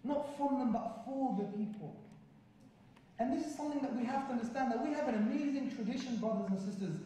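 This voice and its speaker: High-voiced man orating in an echoey hall. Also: quick pace, dark tone. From Britain. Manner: emphatic, repetitive oratory. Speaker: Islamic speaker addressing an audience. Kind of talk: impassioned public lecture. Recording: very echoey hall, mic far off, faint noise.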